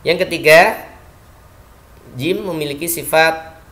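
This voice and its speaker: A man with an Indonesian accent teaching Quran recitation rules, slowly reciting verses and drilling single syllables for students to repeat. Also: a little high, fairly bright tone. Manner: slow, deliberate recitation of Arabic verses, then quicker explanations. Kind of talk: tajweed lesson with call-and-repeat drills.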